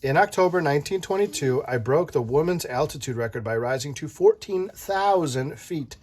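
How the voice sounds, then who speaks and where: Here an adult storyteller reads a picture book to a child at normal speed in a mid-range voice, keeping things playful and animated and breaking off now and then to talk with the young listener.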